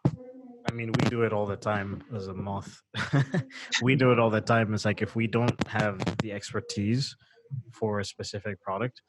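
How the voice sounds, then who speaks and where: Hosting a live-stream chat about manufacturing for a sourcing show, a man speaks at a measured pace in a fairly low voice. He's relaxed and loose, reading out viewer comments and using lots of fillers, while the background is noisy.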